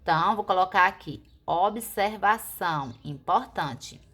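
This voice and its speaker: A woman teacher, explaining a grammar lesson slowly and deliberately, asking questions and answering them herself. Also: medium pitch, expressive, a bit bright, a little hiss or hum. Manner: slow, deliberate explaining, stretching key words; asks and answers her own questions.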